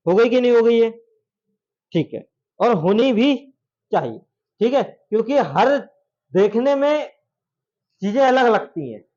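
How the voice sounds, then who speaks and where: Guy teaching law, high voice, jokes around n quizzes the class, kinda muffled lo-fi sound. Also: darkish tone. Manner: chatty, jokey, asks students questions. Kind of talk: classroom lecture. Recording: dull lo-fi classroom recording.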